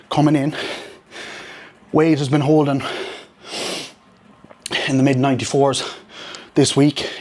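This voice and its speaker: A man talking casually to his vlog camera while riding an exercise bike, slightly out of breath, energetic and swearing freely. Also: medium pitch. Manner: energetic, swearing, calls viewers lad. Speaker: fitness vlogger. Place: home gym, indoors.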